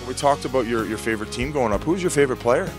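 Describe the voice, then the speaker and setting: A man's voice: mid-range voice, expressive, rapid-fire, over music. A man in his thirties hosting a casual street interview outdoors with a handheld mic, full of teasing, joking banter. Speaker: host.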